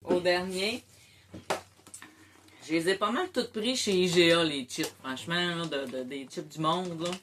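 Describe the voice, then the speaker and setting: A woman's voice: lowish voice, a little slow, a bit bright, a little hiss or hum. A woman with a Québécois French accent casually hosting a snack tasting, munching chips as she talks. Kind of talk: casual chat, food tasting.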